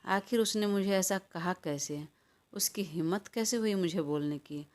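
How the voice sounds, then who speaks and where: A woman's voice: fairly low pitch, a little slow, a little mellow, lightly acted. A woman reading an audio story, voicing a stubborn, hot-tempered young woman in a quarrelsome, defiant manner. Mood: indignant. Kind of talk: audiobook character voice.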